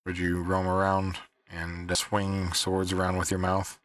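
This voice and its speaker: A man hosting a livestream with casual, rambling chat, often pausing as he thinks. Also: sits low, completely flat delivery, a bit bright, no echo, recorded from a distance. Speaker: livestream host.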